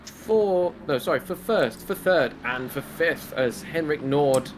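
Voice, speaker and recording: A man's voice: a little high, lively intonation, takes it slowly, background noise. A man commentating a sim race with chatty, laughing banter. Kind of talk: casual esports race commentary.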